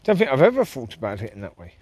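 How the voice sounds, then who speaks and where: A mid-range male voice with huge pitch swings races along, a little mellow and with no room sound. He's a vlogger walking his dogs through a park at night, chatting casually and reflectively to a handheld camera in a rambling monologue.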